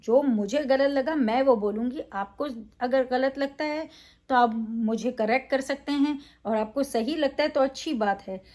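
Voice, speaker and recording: A woman's voice: high-pitched, a little mellow. A woman reviewing a reality show in a casual, opinionated way, emphatic, with frequent fillers.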